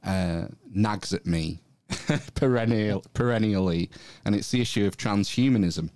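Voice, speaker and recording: A man hosts a podcast conversation in a fairly low voice. The sound is dry and close. He asks his guest questions in a relaxed, casual manner. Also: a little slow, dry recording. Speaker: podcast host.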